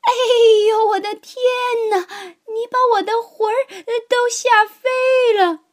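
A woman voicing a tiny, frail-looking old woman in a children's story, shrieking in terror and then scolding slowly. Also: lowish voice, a bit bright, no echo, clean studio sound. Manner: shrieking in mock terror, slow stern scolding.

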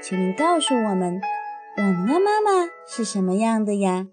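A woman voicing a group of eager little tadpoles, with high, pleading calls in a bedtime storybook. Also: sing-song, normal speed, over music, close to an everyday voice. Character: chorus of little tadpoles, eager young children.

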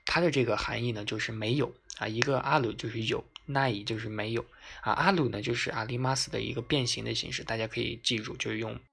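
A man hosting a language lesson podcast, explaining words patiently and repeating them slowly for learners. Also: mid-range voice, fairly even intonation, creaky, a bit bright, husky. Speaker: Japanese language teacher, podcast host. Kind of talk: casual spoken lesson.

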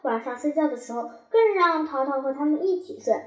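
A woman narrating a children's story in a lively, expressive reading. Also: sits high, quick pace. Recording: roomy echo.

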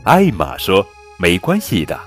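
A man reading a children's picture book aloud in a slow, expressive storytelling voice. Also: low-pitched. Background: soft background music.

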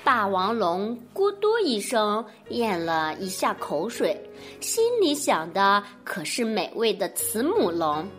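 A woman narrating a picture-book story for children in an expressive storytelling manner. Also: medium pitch, takes it slowly, soft background music.

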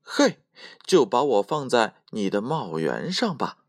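A man's voice: mid-range voice, big pitch swings, unhurried, no room sound, pitched above the performer's own voice. A tiny, clever storybook boy speaks in a raised, playful voice full of teasing bounce, as a man puts him on. The voice swings widely in tune while the recording stays close and dry. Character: tiny thumb-sized boy, clever and cheeky.

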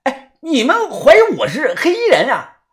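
A man voicing a cocky, hot-tempered young Taoist man who swaggers, curses and shouts. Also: very high-pitched, big pitch swings, moderate pace, pitched above the performer's own voice. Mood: defiant.

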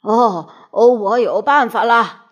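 A woman's voice: mid-range voice, a bit bright, pitched below the performer's own voice. A woman voicing a plump, breathless male doctor in a storybook reading, puffing and grunting as he speaks. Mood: wheezy, greedy. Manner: puffing, drawn-out, with grunting fillers.

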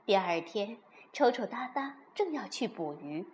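A woman reading a children's story aloud in an expressive, animated way. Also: mid-range voice, unhurried, slight background noise.

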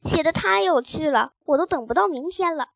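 高音女声讲童话故事. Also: female voice, high-pitched, fairly quick, vocal fry, dry recording. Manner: lively, expressive child-narrator reading. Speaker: storyteller. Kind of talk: reading a children's story aloud.

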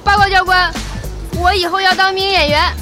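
A woman's voice: extremely high pitch, fairly even intonation, moderate pace. A woman playing a vain, plaintive young female trainee in a comedy skit. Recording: loud music and crowd noise behind.

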